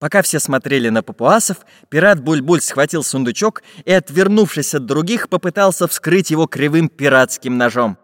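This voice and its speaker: Man narrating a fairy tale, lively storytelling, fairly high, dry close mic. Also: moderate pace, hardly any pauses, no room sound, in a large hall. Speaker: audiobook narrator.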